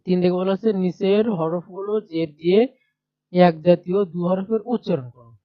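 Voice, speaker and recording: A man's voice: high-pitched, fairly even intonation, a little fast, no room sound, highs cut off. A man teaching a primary class over a shared screen, explaining step by step and repeating letter sounds aloud. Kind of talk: screen-share textbook lesson.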